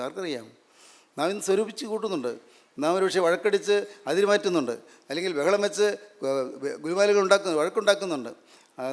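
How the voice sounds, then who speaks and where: A man preaching a sermon, fervent and repetitive, drawing out slow emphatic phrases. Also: fairly high pitch. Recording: long hall reverb.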